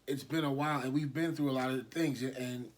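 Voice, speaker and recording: A man's voice: mid-range voice, fairly even intonation, brisk. Laid-back man co-hosting a podcast. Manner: laid-back, rambling, lots of fillers. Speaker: podcast co-host. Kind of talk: casual chat.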